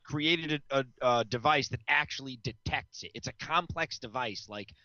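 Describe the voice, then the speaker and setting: A man explaining a device in a halting way, stumbling over his words. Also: mid-range voice, sharp tone, dry recording, highs cut off. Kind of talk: casual explanation.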